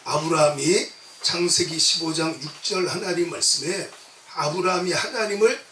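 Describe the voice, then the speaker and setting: A man's voice: fairly high pitch, normal speed, a crowd in the background. A male pastor delivering an emphatic sermon, repeating his points and urging the congregation on, with listeners answering him. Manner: emphatic, repetitive exhortation with call-and-response. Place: church sanctuary at a retreat. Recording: echoey hall, mic at a distance. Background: congregation answering amen.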